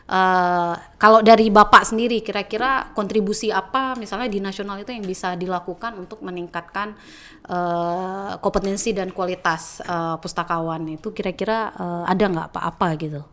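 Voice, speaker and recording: A woman's voice: medium pitch, fairly even intonation, normal speed, fairly bright tone. A woman hosting an interview, asking long questions in a chatty manner and often murmuring agreement. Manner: chatty, frequent affirming hums. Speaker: interview host. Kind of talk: conversational interview.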